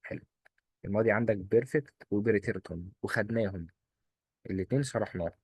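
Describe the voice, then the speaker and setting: Quick husky Egyptian teacher, drilling. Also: male voice, fairly low pitch, a little mellow, no echo. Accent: Egyptian Arabic. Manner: quizzing, asks and answers his own questions; coaxing, repeats rules in quick drills. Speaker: German teacher. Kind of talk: exam-prep lesson.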